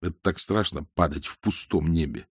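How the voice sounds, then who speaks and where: A fearless spy speaks with cool, measured menace, as a male reader puts him on. His voice sits low and even, and the sound is dry and close. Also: breathy edge, no echo. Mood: calm menace. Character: cold, unafraid male spy, taunting calmly.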